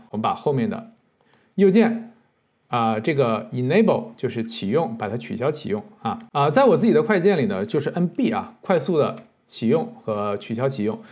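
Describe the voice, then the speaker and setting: A man's voice: mid-range voice, dull audio. A man teaching video editing step by step, patient and explanatory, with many fillers. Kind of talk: screen-recorded software tutorial.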